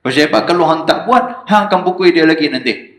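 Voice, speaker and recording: A man with a northern Malaysian Malay accent giving an evening lecture in a small prayer hall, telling stories animatedly and swinging between low asides and raised exclamations. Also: expressive, fairly quick, fairly bright tone. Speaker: religious lecturer. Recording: echoey prayer hall recording.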